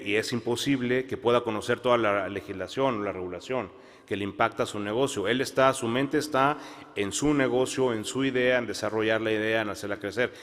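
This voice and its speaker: A man talks on a conference panel in a lowish voice, pausing and restarting as he thinks. His voice rings out in a large hall with a long reverb. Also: fairly bright tone. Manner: measured, many fillers and restarts. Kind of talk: panel discussion.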